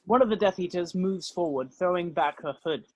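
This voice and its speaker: A man narrates stage directions from a script in a voice a little high for a man, speaking briskly. The sound is dry with no room echo, and lo-fi.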